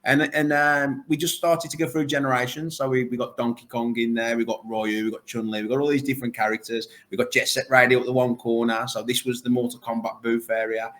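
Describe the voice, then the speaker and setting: A man's voice: medium pitch, flat delivery, a little fast, few pauses, fairly bright tone. A man, an arcade owner chatting enthusiastically and at length in a casual interview. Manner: enthusiastic, rambling, full of superlatives.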